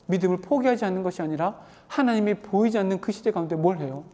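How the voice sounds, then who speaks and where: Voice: medium pitch, fast, dark tone. A youth group preacher giving a Sunday sermon, repeating phrases and asking the congregation questions, in a church worship hall.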